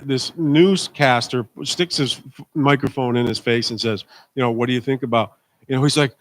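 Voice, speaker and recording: Middle-aged male pastor, loose conversational sermon, emphatic, mid-pitched voice. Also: moderate pace, slight background noise. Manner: emphatic, asks the congregation for amens. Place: church service.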